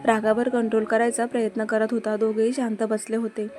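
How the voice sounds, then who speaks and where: A woman storyteller narrates an episode of a serial story in a brisk, plain way. Her voice sits slightly high, and a steady music bed runs beneath the whole reading. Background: background music.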